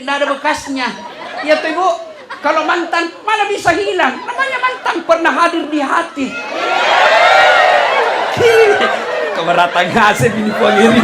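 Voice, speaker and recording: A man's voice: very high-pitched, background noise. A male preacher gives a humorous sermon to a congregation, telling stories and acting out the voices of the people in them. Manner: playful storytelling, acting out quoted voices.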